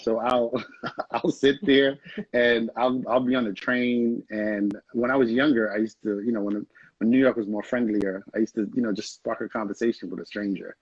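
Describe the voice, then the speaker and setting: A young adult man from Haiti, a film director, chats and rambles casually in an interview, laughing often, at normal speed in a husky, medium-pitched voice with fairly even intonation. Recorded over a video call, the audio is dull and lo-fi with no room sound.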